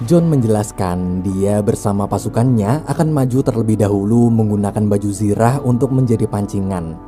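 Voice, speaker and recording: A man's voice: on the low side, normal speed, mellow. A man reading a scripted film recap as a narrator, in a storytelling style with casual asides. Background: background music.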